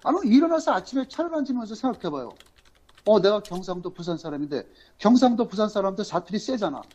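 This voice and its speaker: A man from Incheon hosting a political livestream, talking in a rambling, halting way full of fillers and emphatic rhetorical questions. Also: high-pitched, sing-song, a little mellow. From Incheon, South Korea. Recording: dull lo-fi audio.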